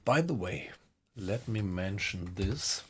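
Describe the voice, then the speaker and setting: Speaking slowly in a low voice, a German-accented man gives laid-back commentary on his live game stream. He chats easily and says hello to viewers in the chat, with a little noise in the background.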